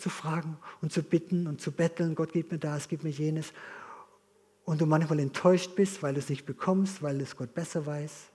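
A man's voice: on the high side, husky. A man preaching a sermon and leading his congregation in prayer, earnest and direct. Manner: earnest, leads the congregation in a spoken exercise; softens to a hushed prayer. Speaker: pastor.

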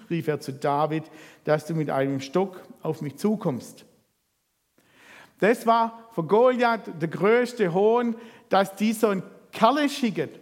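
A man preaching, retelling a Bible story and putting lively questions to the congregation. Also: sits high. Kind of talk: sermon reading and retelling scripture. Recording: reverberant hall.

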